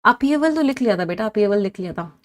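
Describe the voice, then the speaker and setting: Fast-talking, with a mid-range voice and lively intonation, a woman runs an online English vocabulary class. She tests students, compliments their responses, and switches between Hindi and English while spelling words.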